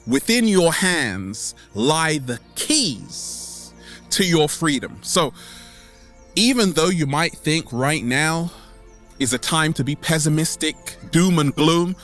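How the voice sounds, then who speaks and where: A man's fairly high, expressive, slightly bright voice takes its time as he hosts an upbeat motivational vlog out in nature. Theatrical and exuberant, he stretches words and playfully repeats catchphrases to camera, with faint music in the background.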